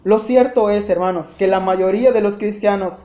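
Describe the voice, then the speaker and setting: High-voiced Mexican pastor preaching in an echoey church. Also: male voice, normal speed. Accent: Mexican Spanish. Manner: impassioned preaching, often calls out "brothers". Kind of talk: sermon. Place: church sanctuary. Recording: echoey church, dull lo-fi sound.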